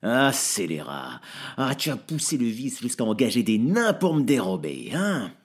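Un homme joue un voisin bourru et soupçonneux, d'âge mûr, qui menace d'un ton rude. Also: male voice, low-pitched, very animated, normal speed, voice pushed down, heavily acted. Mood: angry. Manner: gruff, threatening. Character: grumpy suspicious middle-aged father with gun.

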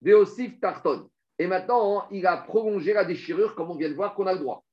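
High-voiced man teaching Talmud lesson. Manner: animated, rapid explanations mixing French with Hebrew and Aramaic readings. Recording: dull lo-fi recording.

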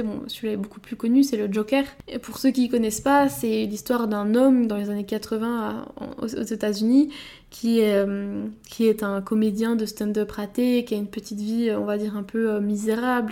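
A woman's voice: a little high, dark tone. A woman hosting a podcast, talking through her thoughts with many hesitations and restarts. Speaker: podcast host. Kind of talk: casual podcast monologue.

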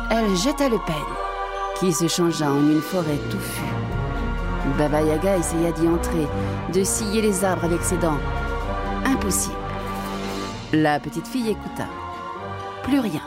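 A woman narrating a children's fairy tale in an expressive, measured way. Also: lowish voice. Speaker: storyteller.

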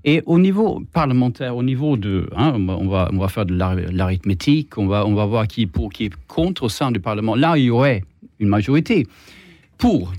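A man's voice: fairly low pitch, animated, brisk, a little mellow, no echo, lo-fi sound. Swedish guy on a tv debate panel, keeps restarting and repeating words, dry sound. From Sweden. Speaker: panel guest. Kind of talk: televised political debate.

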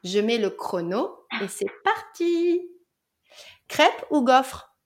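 A woman's voice: high voice, big pitch swings, slow. A woman hosting a podcast, chatting casually and playfully with a guest and laughing often. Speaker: podcast host.

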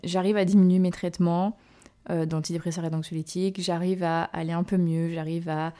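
Chatty, hesitant woman with a warm low voice. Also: flat delivery, fairly quick. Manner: hesitant, full of "euh" fillers and restarts; chatty, self-mocking, laughs at herself. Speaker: podcast host and novelist. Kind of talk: casual solo podcast chat.

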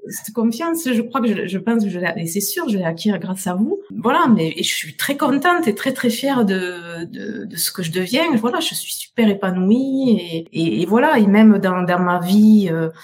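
Halting woman with a southern French accent. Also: medium pitch, expressive. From southern France. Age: middle-aged. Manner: halting, repeats words, heartfelt. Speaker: guest, business owner. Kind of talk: live podcast interview.

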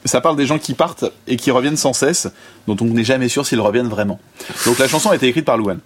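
A man's voice: medium pitch, fast talker, husky. A man hosting a music discussion, casually steering the chat in a playful way. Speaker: host.

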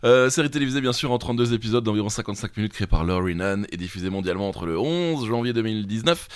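A man's voice: fairly low pitch, expressive, fast talker, clean tone, no room sound, clean studio sound. A French man co-hosting a quiz podcast, asking questions and giving synopses in a playful, laughing way. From France. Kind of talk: casual quiz banter.

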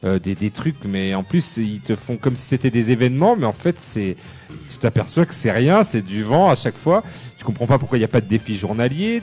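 A man's voice: fairly low pitch, darkish tone. A man co-hosting a casual gaming podcast, talking in a rambling way with many fillers and restarts. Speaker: podcast co-host.

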